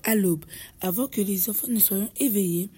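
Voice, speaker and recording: A woman's voice: medium pitch, moderate pace, dark tone, husky. A woman reading a fairy tale aloud carefully, with a few small slips.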